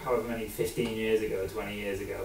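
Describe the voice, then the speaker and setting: A man's voice: fairly low pitch, little pitch movement, racing, a little mellow, slight background noise. Blunt, sweary man, far from mic. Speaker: podcast co-host. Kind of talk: casual chat. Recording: roomy, distant mic.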